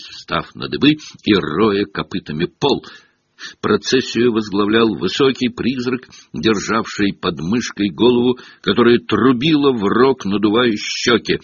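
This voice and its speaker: A man reading a story aloud with a somewhat low, husky voice that rises and falls in lively swings. The recording is dull and lo-fi, dry with no room sound. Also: no room sound. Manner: expressive storytelling. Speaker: audiobook narrator. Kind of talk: audiobook narration.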